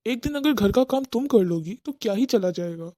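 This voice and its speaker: A woman's voice: medium pitch, expressive, a little fast, mellow, lightly acted. A woman voicing a flustered young husband who pleads and tries to placate his mother and his wife. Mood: pleading.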